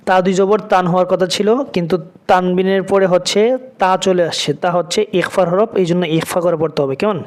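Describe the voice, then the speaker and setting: A man teaching Quran reading, spelling out letters and vowels syllable by syllable and chanting the words slowly. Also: high voice. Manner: slow syllable-by-syllable drilling, drawn-out chanted recitation.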